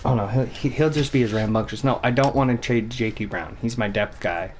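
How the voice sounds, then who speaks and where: A young man from Vermont streaming a hockey game, chatting casually and thinking out loud with some cursing. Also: mid-range voice, brisk, a little hiss or hum. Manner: rambling, cussing, thinks out loud. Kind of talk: casual gaming commentary.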